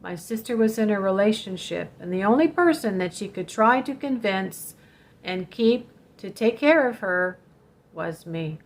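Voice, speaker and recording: A woman hosting a spiritual vlog channel tells a personal story in an earnest, direct way, warning her viewers. Her medium-pitched voice has lively intonation and an unhurried pace.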